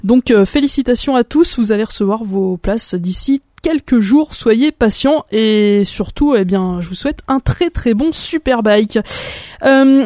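A woman's voice: on the high side, warm tone, dry recording, studio quality. A woman hosting a radio music show, chatting about new albums with frequent hesitations. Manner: chatty, hesitant with many fillers. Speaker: radio host. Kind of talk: casual radio music presentation.

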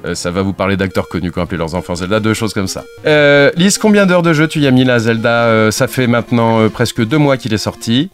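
A man hosting a relaxed French talk show about video games, chatting with many fillers and restarts. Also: mid-range voice, fast, hardly any pauses, faint music behind. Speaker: radio show host.

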